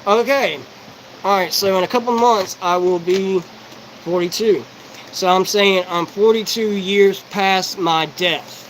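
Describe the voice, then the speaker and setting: A man in his forties talking on a live stream in a rapid, profane, rambling and disjointed monologue. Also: high-pitched, slight background noise, low-quality recording. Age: 40s. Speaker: livestreamer.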